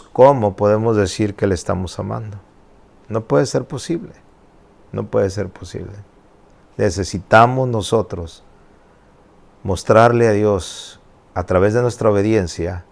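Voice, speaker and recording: A man's voice: on the low side, darkish tone. An older man delivers a sermon as a pastor. He drives his points home with repeated questions and climbing, emphatic phrases. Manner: preaching with rising, emphatic repetitions.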